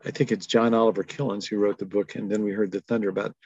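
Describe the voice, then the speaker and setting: Gravelly older man in his seventies. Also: on the low side, level tone, fast talker, darkish tone, no echo, highs cut off. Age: 70s. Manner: thoughtful, wry, chuckles between stories. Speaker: interviewee. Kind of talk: reflective conversational storytelling.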